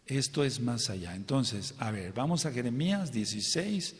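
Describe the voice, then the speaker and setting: A man's voice: medium pitch, animated, normal speed. A man preaching a teaching sermon to a congregation, stressing and repeating key points and asking his listeners questions. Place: congregation hall. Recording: long hall reverb.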